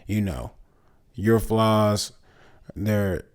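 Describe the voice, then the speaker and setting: A man's voice: fairly low pitch, clear, resonant tone. A man co-hosting a relationship podcast in casual, joking chat. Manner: slow, relaxed, joking. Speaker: podcast co-host.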